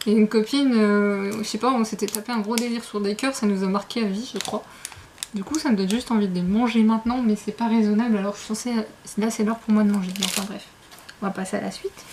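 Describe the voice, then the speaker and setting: A woman's voice: mid-range voice, fairly even intonation, fast, darkish tone, slight background noise. A woman chatting casually in a book vlog, rambling and gushing as she unboxes items. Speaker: book vlogger.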